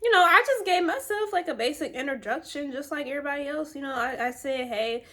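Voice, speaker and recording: A woman in her twenties from Virginia chats her way through a personal story. Her voice sits a little high, and her telling is loose and rambling, packed with fillers and side comments. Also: lively intonation, fast talker, fairly bright tone, slight background noise. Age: 20s. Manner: rambling and chatty, with many fillers. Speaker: vlogger. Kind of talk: casual storytime.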